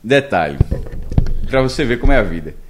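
A man's voice: medium pitch, very animated, moderate pace, background noise. A man joking and ribbing his friends in a casual podcast chat. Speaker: podcast co-host.

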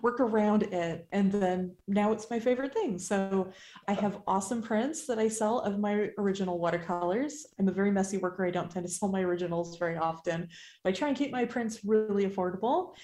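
A woman's voice: mid-range voice, a little fast, dark tone. A woman chatting casually as a podcast guest, with a self-deprecating, joking way of talking, recorded in an echoey indoor space. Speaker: guest artist. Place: indoors in an artisan shop space. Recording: echoey room.

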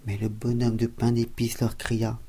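A woman telling a bedtime story to children in slow, expressive storybook narration. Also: a bass voice, husky.

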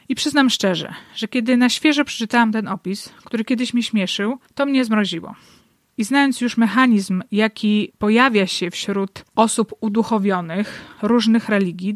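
A woman's voice: medium pitch, no room sound. A woman giving wry, analytical literary commentary, with dry irony and read-aloud excerpts. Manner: wry, analytical, dryly ironic. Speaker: book reviewer.

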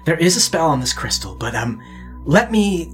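A man's voice: fairly high pitch, very animated, normal speed. Man doing a careful auntie, hesitant, light music under. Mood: cautious. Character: cautious older aunt.

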